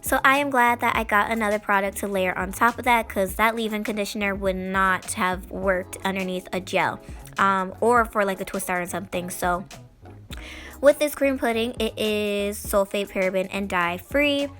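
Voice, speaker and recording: A woman giving a chatty, informal product review as a vlogger, slightly hoarse as she gets over a cold. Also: medium pitch, moderate pace, a bit bright. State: recovering from a cold. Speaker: beauty vlogger. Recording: faint music under voice. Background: faint music.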